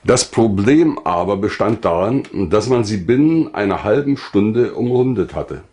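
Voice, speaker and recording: A fairly low, darkish voice belongs to this writer and former pastor from Lusatia in eastern Germany, who is in his sixties or older. He reads a scripted narration about his own life.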